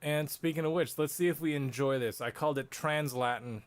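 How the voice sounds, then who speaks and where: A man's voice: a little high, fairly quick. A man co-hosting a podcast, easygoing and chatty, with hesitant restarts. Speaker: podcast co-host. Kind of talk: casual chat.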